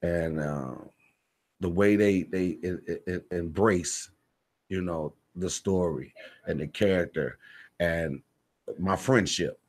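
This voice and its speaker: Slow and low-pitched, an American playwright and stage director chats on the radio in a relaxed, plain-talking, slangy way. He tends to repeat phrases to drive his points home.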